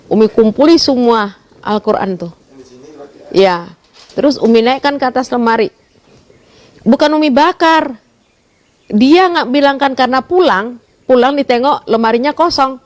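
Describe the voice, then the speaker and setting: A middle-aged woman, retelling a family story in an interview, swinging between soft murmurs and sudden loud exclamations. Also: a little high, normal speed, pauses often. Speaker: interviewed mother. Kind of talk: emotional personal storytelling.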